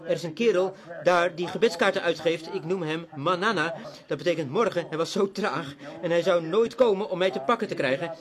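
A middle-aged man preaching a sermon as a story, swinging from hushed tones to loud cries. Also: fairly high pitch.

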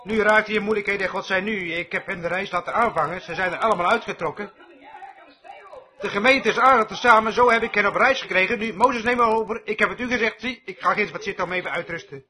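A man's voice: sits high, quick pace, sharp tone. A man preaching a sermon emphatically, often checking whether his listeners follow him. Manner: emphatic, asks the audience questions.

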